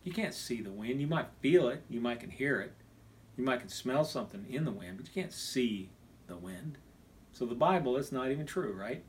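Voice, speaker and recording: A middle-aged man from Kansas, a pastor, preaching a recorded sermon in a voice of ordinary pitch. He is animated, swinging from emphatic bursts to a near hush for quoted words. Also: moderate pace, a little hiss or hum.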